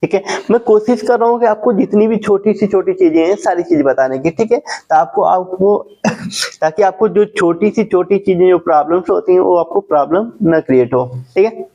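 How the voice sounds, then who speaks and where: High-voiced teacher, muffled lo-fi recording. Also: male voice, creaky, mellow. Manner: repeats questions and answers them himself; slow, dictating English definitions. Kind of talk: grammar lesson.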